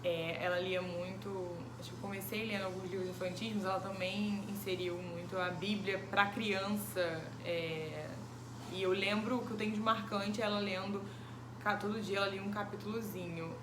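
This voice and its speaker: A Brazilian woman in her 20s answers questions in a casual recorded interview, giving thoughtful replies peppered with hesitant fillers. Her mid-range voice holds steady at an ordinary speed. The room is echoey, and background noise is audible.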